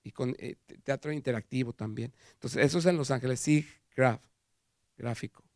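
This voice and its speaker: A man with a Mexican Spanish accent giving a conference talk at a university, telling stories and acting out quotes in an animated way. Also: medium pitch, normal speed, dry recording, clean studio sound. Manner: animated storytelling with acted quotes. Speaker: lecturer. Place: lecture hall.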